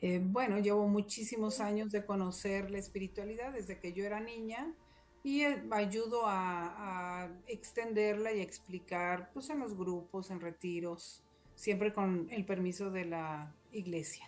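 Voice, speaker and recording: A woman from Mexico introducing herself as a guest, hesitant and soft-spoken. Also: mid-range voice, moderate pace, pauses often, faint music behind.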